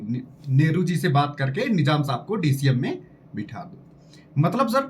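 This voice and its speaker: A male coaching teacher with a fairly high voice that leaps up and down as he drills his students. He talks straight to the listener, firing questions and repeating items to make them stick. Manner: animated, quizzing listeners directly, repeating items. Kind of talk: lively exam-prep lesson with memory tricks.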